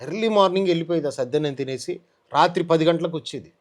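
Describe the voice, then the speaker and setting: In an interview, a man with a Telugu accent gives an emotional testimony, recounting his story with animation and acting out what other people said. His voice sits on the high side, and he talks fast.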